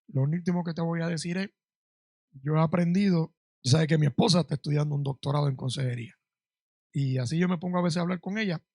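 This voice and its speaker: High gravelly preaching man. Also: dry recording, studio quality. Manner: preaching with emphatic rising bursts. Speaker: pastor. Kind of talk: sermon. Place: church.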